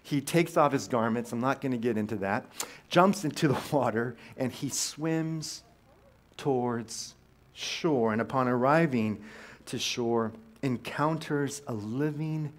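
A man pastor preaching a casual, conversational sermon in a church, telling the story with many fillers and restarts and lively emphasis at times. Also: medium pitch. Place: church sanctuary.

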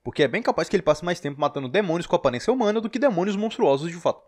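A man's voice: high voice, lively intonation, racing, a little mellow. A Brazilian man giving sarcastic, exasperated scripted commentary on a video game. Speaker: video game critic and narrator.

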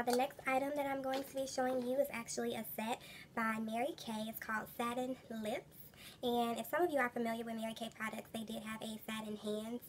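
A woman in her thirties with a congested, stuffy nose, chatting casually to camera as a beauty vlogger at home. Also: on the high side. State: a little under the weather with a stuffy nose. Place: small room at home, indoors. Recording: noticeable background noise, home recording.

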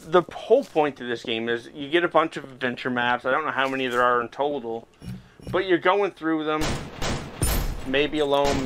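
The background is noisy, and this man speaks at a medium pitch. Middle-aged, he hosts a gaming video indoors, giving easygoing, self-deprecating commentary as he plays a VR game over game music.

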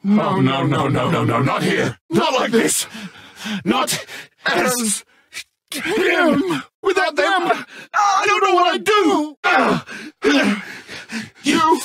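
A man playing a petulant, theatrical video game villain stripped of his godlike powers, with a raspy, strained, melodramatic delivery. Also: very high-pitched, sharp tone, no room sound, clean studio sound, heavily acted. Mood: desperate, pleading. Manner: melodramatic, drawn-out, emphatic. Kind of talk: dramatic animated game acting.

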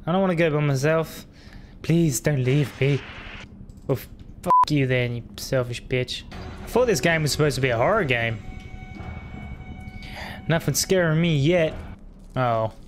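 A man's voice: a little high, a little slow, pauses often, music in the background. A young man giving cheeky, jokey commentary as a scared horror game streamer, wisecracking through his nerves.

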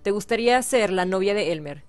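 A woman's voice: medium pitch, expressive, brisk, soft background music. A young woman giving chatty, playful commentary on a life-sim game and talking to the characters. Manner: chatty, hums and sings along, talks to game characters. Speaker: gaming YouTuber.

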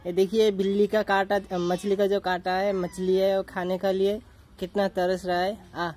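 A man's voice: high voice, flat delivery, normal speed, a little mellow, slight background noise. A man filming a casual vlog on his phone outdoors, talking simply and coaxing a cat. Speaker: vlogger. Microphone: phone held while filming.

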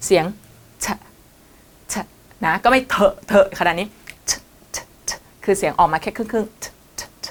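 A woman teaching English pronunciation, drilling sounds slowly and repeating them for her students. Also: on the low side. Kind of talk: classroom pronunciation lesson.

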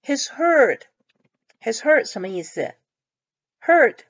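Woman English teacher, patient explainer, mid-pitched voice, muffled lo-fi sound. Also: animated, moderate pace. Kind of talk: explaining a reading lesson. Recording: dull lo-fi audio.

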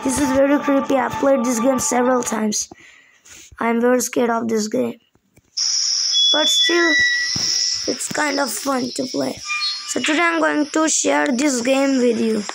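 A woman's voice: sits high, fairly even intonation, measured pace, vocal fry, pauses often, music in the background, rough recording. A woman hosting casual horror game commentary, explaining things simply and repeating phrases. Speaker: gaming video host.

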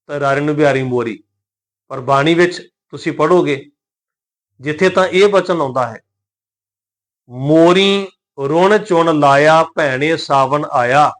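A man giving a calm religious lesson on how to pronounce scripture, slowing down whenever he recites verses. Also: on the high side. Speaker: Sikh scripture teacher.

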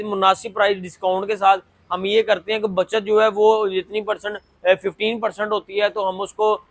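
A man, giving an unscripted, insistent and repetitive showroom sales pitch as host. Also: a bit bright, no room sound, poor audio. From Pakistan. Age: 20s. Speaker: furniture showroom owner and video host. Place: large indoor furniture showroom. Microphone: clip-on lapel mic.

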